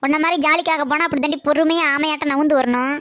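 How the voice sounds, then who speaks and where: A woman's voice: high voice, fairly even intonation, fairly bright tone. A woman voicing a driven cartoon older sister who scolds her younger sister. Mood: brisk. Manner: brisk, scolding. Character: driven older sister rushing to find work. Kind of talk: cartoon comedy acting.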